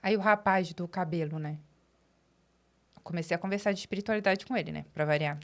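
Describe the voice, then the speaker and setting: A woman's voice: lowish voice, a little fast. A Brazilian woman guest in an interview, telling her story casually and acting out the dialogue she recounts. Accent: Brazilian Portuguese. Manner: animated, acts out quoted dialogue.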